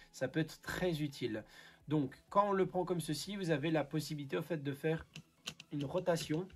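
A man's voice: fairly high pitch, a little mellow, slightly rough. A man with a Belgian French accent, a repair technician giving a product review and explaining as he demonstrates hands-on.

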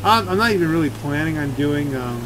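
A game streamer and video creator offers casual commentary while playing, rambling and grumbling as he thinks out loud. His voice is a bit high, expressive, and slightly quick, with clear game engine noise, car sounds, and ambience behind him.

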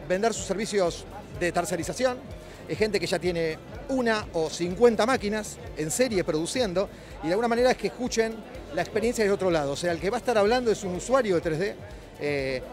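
A middle-aged man with an Argentine accent, a company director giving a trade-show interview in a busy expo hall, explaining at length with frequent hesitations and restarts. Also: high-pitched. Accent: Rioplatense Spanish. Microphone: handheld mic held by interviewer.

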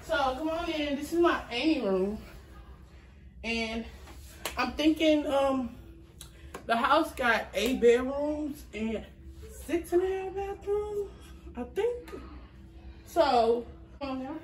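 Her voice is high-pitched and slow, broken by frequent pauses and distant from the mic. In a casual, talkative house tour, the young woman keeps repeating her phrases. She records on a phone held in hand while walking indoors, and the result is noisy, roomy and off-mic.

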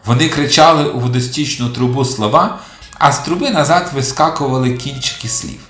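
A storyteller reading a children's audiobook in an expressive, gentle voice. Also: medium pitch, brisk. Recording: roomy audio with soft music.

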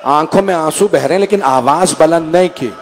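A man's voice: on the high side, brisk, slight background noise. A man delivering a mournful sermon recitation, emotional and grieving, speaking directly to his listeners.

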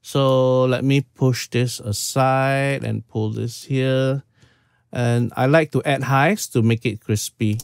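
Speaking slowly and fairly evenly from a small room at home, a man in his fifties from Singapore guides viewers through audio settings in a casual screen-share tutorial, with frequent "okay"s. His mid-range voice is gravelly, clear and resonant. The recording is echo-free and studio quality.

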